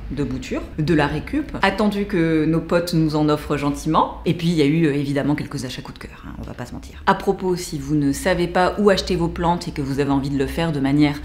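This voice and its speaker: A young woman with a French accent talks close to the camera from a living room packed with plants. Her delivery is cheeky and full of slang. Her voice sits low, with faint background hiss. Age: young adult. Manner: playful, slangy and jokey. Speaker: plant vlogger. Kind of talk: casual scripted vlog. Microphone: camera at close range.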